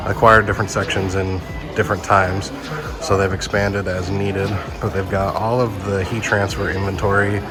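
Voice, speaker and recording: A man casually presenting an upbeat, informal walking tour vlog as the host, inside a warehouse. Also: low-pitched. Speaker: host of a video channel. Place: warehouse facility, indoors. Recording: music bed over the voice. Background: loud background music.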